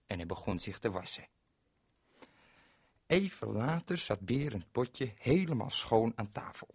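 A man spinning a bedtime-style tale for kids, talking straight to his young listeners in a playful way. His voice is a bit husky, and his pitch rises and falls with lively swings. The sound is dry and close. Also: a little slow, no room sound. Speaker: children's radio storyteller. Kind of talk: storytelling for children.

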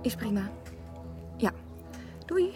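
A woman in her thirties, a mother, speaking in film dialogue in a lively manner that turns indignant easily. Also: fairly high pitch, over music. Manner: lively, quick to get indignant. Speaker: mother and voice actress.

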